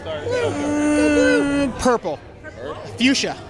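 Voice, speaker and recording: A playful, joking man who co-created a fan film. His voice runs high for a man, and clear crowd noise fills the event around him. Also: huge pitch swings, very slow.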